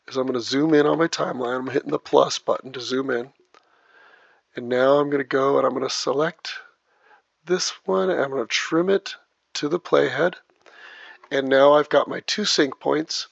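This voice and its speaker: A man teaching video editing step by step, narrating each click as he works, heard through low sample rate, muffled audio. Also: normal speed, creaky, breathy edge, no echo. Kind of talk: step-by-step screen tutorial. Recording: dull lo-fi dry voice track.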